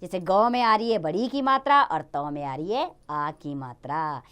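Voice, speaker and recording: A woman teaching a Hindi grammar lesson to young children in a lively, sing-song way. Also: on the low side, normal speed, clear, resonant tone.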